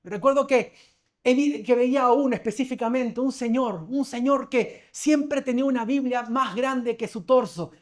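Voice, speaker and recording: A man's voice: very high voice, moderate pace. A man preaching a sermon as pastor, talking conversationally, telling stories and asking the congregation questions.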